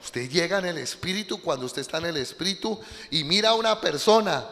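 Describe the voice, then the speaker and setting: Pastor, fairly high gravelly voice, preaching emphatically to his congregation in a reverberant church. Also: animated, fairly quick. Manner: emphatic preaching, swinging between loud bursts and quiet asides; addresses the congregation directly, calls out "Aló". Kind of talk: sermon.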